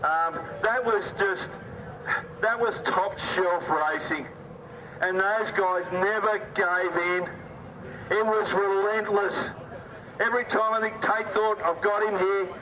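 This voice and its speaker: A man's voice: high voice, sharp tone. A man giving live sports commentary at an outdoor event in colourful, folksy, emphatic phrases. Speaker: race co-commentator. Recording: distant outdoor mic with faint engine noise.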